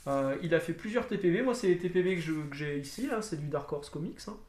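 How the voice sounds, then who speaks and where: Fast and animated, a man rambles through a casual comic book review on video, full of fillers and false starts. His slightly high voice has a darkish tone, the room gives a clear echo, and there's a bit of background noise.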